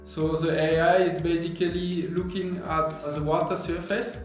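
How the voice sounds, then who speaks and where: A man in his thirties, an engineer explaining his product to camera in a halting, earnest way with many restarts. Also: a little high, little pitch movement. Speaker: engineer and founder of a marine detection product. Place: office room, indoors. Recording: very echoey office with faint music.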